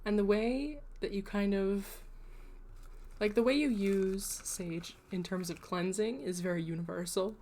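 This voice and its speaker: A woman's voice: medium pitch, measured pace, a little mellow. A woman hosting a casual livestream, explaining at length to her viewers in a chatty, rambling way, with self-deprecating asides. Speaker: livestream host.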